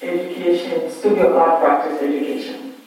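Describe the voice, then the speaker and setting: A man from Zambia giving a measured, reflective short talk about his project at a public event. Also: a little high, fairly even intonation, darkish tone. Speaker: speaker presenting a project. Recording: echoey room, voice far from the mic.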